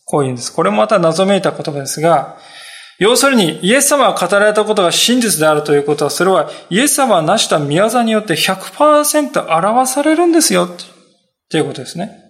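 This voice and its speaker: A man's voice: high voice, sing-song, quick pace, a bit bright. A man preaching a Sunday sermon as pastor, earnest, with emphatic asides and quoted voices. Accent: Japanese.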